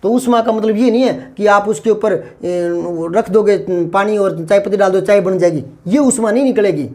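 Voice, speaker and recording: A man's voice: sits high, moderate pace, darkish tone. A man teaching grammar in an exam-prep lesson. He explains patiently, repeats key terms and asks rhetorical questions.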